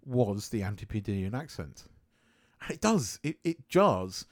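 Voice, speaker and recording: A man co-hosting a casual film chat, animated and swearing freely, laughing often. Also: medium pitch. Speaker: podcast co-host.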